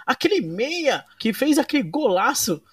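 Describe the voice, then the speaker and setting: A Brazilian man hosts a sports podcast in an informal, slangy way. His voice is high and husky with lively intonation, heard a little away from the mic in a dry space. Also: a little slow, no room sound, recorded from a distance. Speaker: football podcast host. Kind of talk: casual sports chat.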